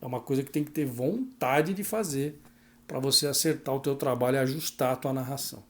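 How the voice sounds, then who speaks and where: A man's voice: mid-range voice, brisk. A man from Brazil, a sports narration teacher, giving a casual spoken lesson and checking in with the listener through frequent tag questions.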